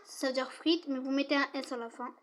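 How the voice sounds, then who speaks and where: A woman's voice: high voice, steady tone, brisk. A young woman giving a casual home video lesson, chatty and apologetic, often restarting her sentences. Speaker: youtuber teaching English words.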